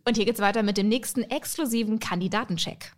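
Woman, podcast host chatting with a guest, slightly high voice. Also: fast talker, over music. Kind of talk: casual podcast interview.

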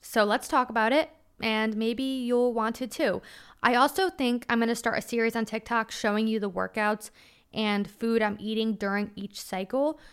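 A woman's voice: fairly high pitch, steady tone, moderate pace, clean tone. Frank, casual woman podcast host. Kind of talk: solo podcast monologue.

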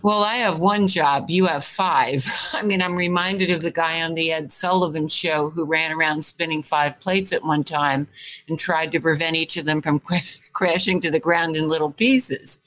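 Low-voiced woman interviewer. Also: fairly even intonation, normal speed, a bit bright. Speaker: host and reporter. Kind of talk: interview questions.

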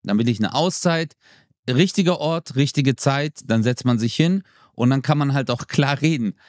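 This podcast co-host has a medium-pitched, slightly mellow voice and speaks at a moderate pace, recorded in studio quality with no room sound. He chats casually, laid-back and full of slang, acting out the lines he quotes.

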